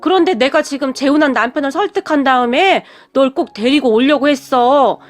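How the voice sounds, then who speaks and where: A woman voicing a pleading, destitute middle-aged birth mother who speaks slowly and begs. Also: high voice, soft background music, close to an everyday voice. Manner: pleading, slow and drawn out.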